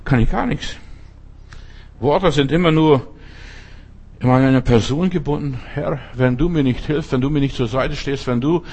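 A man's voice: medium pitch, normal speed, long pauses, a little mellow, slightly rough. A man preaching an informal sermon who talks bluntly and straight to the listener, often repeating his phrases.

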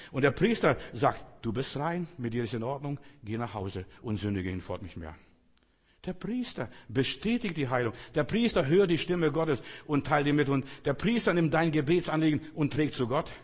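Husky man preaching in a hall. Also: medium pitch. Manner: conversational, addresses listener with "weißt du". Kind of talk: sermon.

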